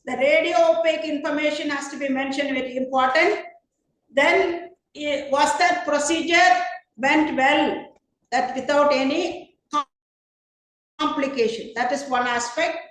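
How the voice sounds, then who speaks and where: A woman's voice: high voice, fairly bright tone, heavy reverb, poor audio. A woman doctor teaching a procedure over a video call, walking through each step and repeating what is important. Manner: instructive, stresses key points with repetition. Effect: heard over a video call. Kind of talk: webinar teaching demonstration.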